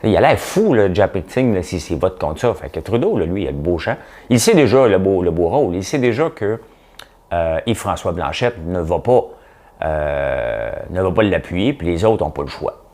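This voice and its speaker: Low-voiced Québécois man riffing on the news. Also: sing-song, normal speed, darkish tone. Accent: Québécois French. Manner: rambling and jokey, heavy on fillers. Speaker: host of a daily news commentary show. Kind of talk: casual opinion commentary.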